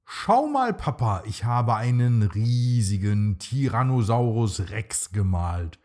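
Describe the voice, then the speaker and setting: A man voicing a small, eager boy dinosaur in a bedtime storybook, with an excited, pleading childlike voice. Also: mid-range voice, slow pace.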